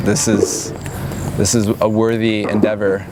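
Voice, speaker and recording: A retreat organizer in his twenties gives a personal interview monologue outdoors at a large gathering, with traffic and outdoor noise clearly audible behind him. His voice is low and flat-toned. He speaks slowly and haltingly, often pausing and restarting, sounding reflective and unhurried.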